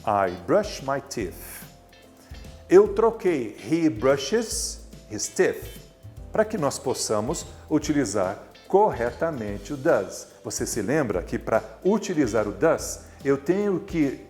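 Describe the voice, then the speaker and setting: A man's voice: medium pitch, very animated, slow, a little mellow, faint music behind. A man with a Brazilian Portuguese accent teaching English grammar in a recorded video lesson, patient and explanatory, drawing out words for emphasis.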